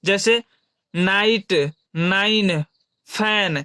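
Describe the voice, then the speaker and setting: High-voiced man teaching. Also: fairly even intonation, pushed and bright, clear, resonant tone, no echo, clean studio sound. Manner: repeats questions and answers them himself; spells out example words slowly. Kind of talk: classroom-style explanation.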